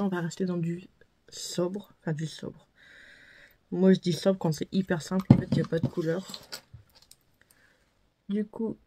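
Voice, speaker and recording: Woman doing a makeup tutorial, mellow voice, rambly and chatty with lots of "euh". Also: medium pitch, a little hiss or hum. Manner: chatty, self-deprecating, many fillers and repeated words. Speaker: beauty vlogger. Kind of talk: casual makeup tutorial narration.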